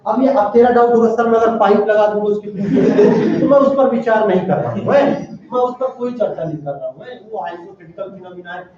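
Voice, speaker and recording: A man teaching a chemistry lecture in a classroom, animated, calling out questions to his students. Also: sits high, brisk, few pauses. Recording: very echoey room, distant dull mic.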